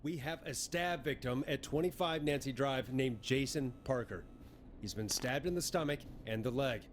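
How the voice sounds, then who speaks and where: An actor voicing a calm late-night radio host who speaks in a measured announcer manner. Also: male voice, mid-range voice, slight background noise, lightly acted. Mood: announcing. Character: calm male radio host taking emergency calls. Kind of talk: video game voice acting.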